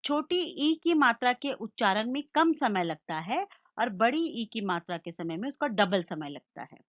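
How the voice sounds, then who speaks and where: A woman teacher giving a Hindi lesson, slowly sounding out each word and explaining its meaning. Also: on the high side, sing-song, muffled recording. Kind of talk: slow classroom lesson with call-and-repeat.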